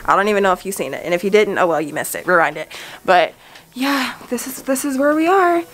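A family vlogger in her thirties chats casually and a bit nervously to viewers, holding the camera at arm's length. Candid and talkative, she speaks fast in a mid-range voice with big pitch swings.

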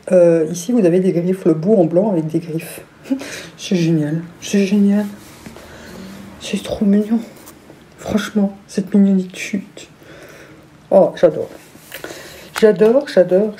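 A woman's voice: mid-range voice, mellow, slight background noise. A woman vlogger chatting casually through a haul review, gushing with enthusiasm over each item.

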